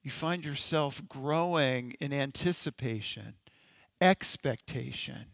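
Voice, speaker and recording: A male pastor leading a congregation through a slow, gentle guided-imagery meditation in a sermon. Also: mid-range voice, gravelly, no room sound. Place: church sanctuary.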